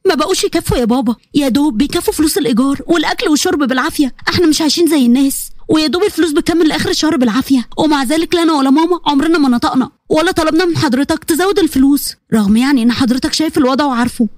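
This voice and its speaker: A woman's voice: high voice, very fast, a little mellow, no room sound, clean studio sound. A woman voicing a poor young university student with an Egyptian accent, polite, hurt and pleading.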